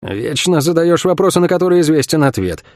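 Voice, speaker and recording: A man voicing a gruff, weary female assassin who grumbles and snaps sarcastically in an audiobook. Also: high voice, animated, moderate pace, no echo, studio quality, voice pushed up. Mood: grumbling.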